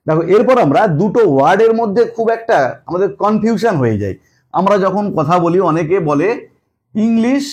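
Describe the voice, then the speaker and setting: A man's voice: on the high side, a little mellow. A male English teacher explaining a lesson, who asks rhetorical questions and repeats key points. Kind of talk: classroom-style lesson explanation.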